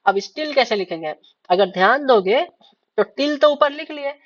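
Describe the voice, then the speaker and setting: A man's voice: very high-pitched, lively intonation, normal speed, a bit bright. A man tutoring shorthand in a casual online lesson, patient and repeating "okay" after each point. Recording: dull lo-fi recording.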